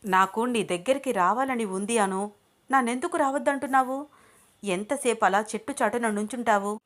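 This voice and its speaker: A woman's voice: on the high side, moderate pace, a bit bright, close to an everyday voice. A woman voicing an anxious young man in a storybook reading, asking urgent, pleading questions. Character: anxious young man searching for his beloved. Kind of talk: storybook character voice.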